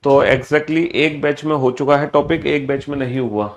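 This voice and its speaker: Energetic male teacher, sing-song repetition. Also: on the high side, normal speed. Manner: energetic, repeats phrases in sing-song greetings; mixes Hindi with English terms. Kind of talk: live online class.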